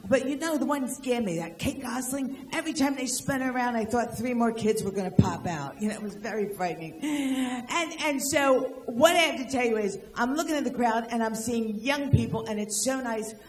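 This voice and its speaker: At a live venue with an audience, an older woman performs stand-up, firing off brash, rapid-fire jokes and teasing people in the crowd. Her voice is on the high side, and the room sounds echoey.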